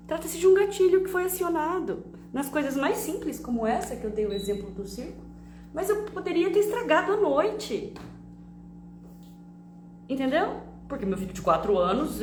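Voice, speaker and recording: A woman with a Brazilian accent giving an expressive, animated talk that mixes a personal story with teaching. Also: on the high side. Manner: expressive, animated storytelling with frequent tag questions. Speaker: emotional education teacher. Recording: roomy with faint hum.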